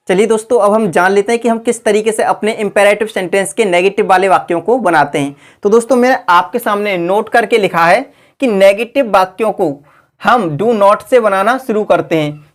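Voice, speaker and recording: A woman explaining a grammar lesson, slow and repetitive. She asks questions and answers them herself and spells words out letter by letter. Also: medium pitch. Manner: keeps calling the viewers friends. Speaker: English grammar teacher.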